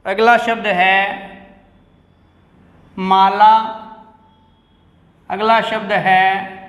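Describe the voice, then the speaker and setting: A man teaching a Sanskrit lesson to children, slowly saying each word and repeating it for the pupils. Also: sits high, flat delivery, a bit bright. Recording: echoey room with long reverb.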